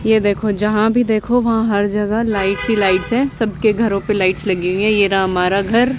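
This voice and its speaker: A woman's voice: on the high side, background noise. A young woman chatting casually in a family vlog, teasing and laughing often as she films around her home. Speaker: vlogger.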